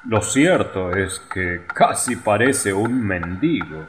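A man voicing a vain, pompous town mayor in a storybook reading, declaiming loudly. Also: sits low, lively intonation, slow, reverberant, background noise.

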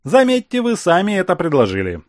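A man voicing a calm, authoritative emperor who questions his officers and lays out plans in a measured, explaining manner. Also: on the high side, no room sound, studio quality. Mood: instructive.

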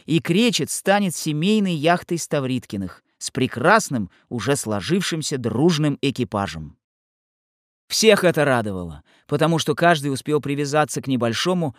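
A man narrating a children's audiobook in an expressive storytelling manner. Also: fairly high pitch, no room sound, studio quality. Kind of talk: scripted narration.

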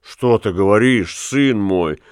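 A man's voice: lowish voice, takes it slowly, darkish tone, clear, resonant tone, dry recording, studio quality. A man voicing a stout, peaceable male companion who gets indignant and pleads. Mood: pleading.

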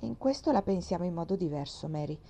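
A woman reading the part of a composed, sensible young woman, speaking calmly and softly in a mellow voice. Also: lowish voice, fast talker.

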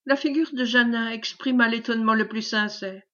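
A woman reading a classic novel aloud in a measured storytelling manner, on a dull lo-fi recording. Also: a little high, fairly even intonation, a bit bright. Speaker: audiobook reader. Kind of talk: scripted novel narration.

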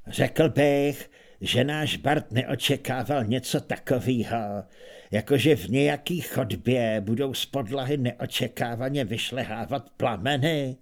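A gruff, aged barbarian chieftain, put on by a male audiobook reader, speaks in a low, dry grumble. He is blunt and matter-of-fact, a storybook warrior long past caring about danger. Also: close to an everyday voice.

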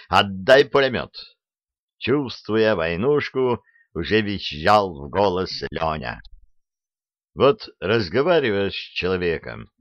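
A man narrating a first-person war story as an audiobook, lively in delivery. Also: fairly low pitch, no echo, dull audio.

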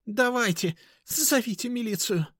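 Guy putting on a high-voiced young woman, frantic and teary, audiobook. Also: normal speed, dry recording, clean studio sound. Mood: furious. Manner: shouting, near tears. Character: distraught furious young woman.

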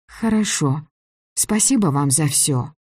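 A man voicing a stubborn, quick-tempered young woman who studies magic, in an audiobook read with a dry sound. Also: on the high side, lively intonation, darkish tone, husky, dry recording, exaggerated voice. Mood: earnest.

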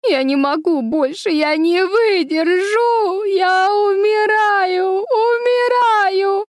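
A woman's voice: a little high, animated, moderate pace, very noisy, voice pushed up, lightly acted. A woman reading an audiobook, voicing a willful little girl who has decided to be naughty and snaps at her friend. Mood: wailing, panicked. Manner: bossy, snapping, wailing when stuck. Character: willful defiant little girl, turned rebellious. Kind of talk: audiobook character voice.

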